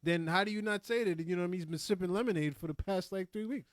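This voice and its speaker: A man talks sports in an animated, joking way. He talks very fast in a fairly high voice. The sound is close and dry. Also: no echo. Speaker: podcast co-host. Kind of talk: casual sports chat.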